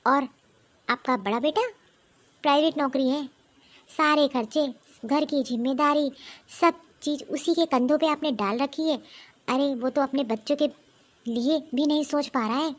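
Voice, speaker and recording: Fed-up elder daughter-in-law, voiced by a woman, blunt, complaining, high-pitched. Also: unhurried. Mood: indignant. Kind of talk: cartoon voice acting.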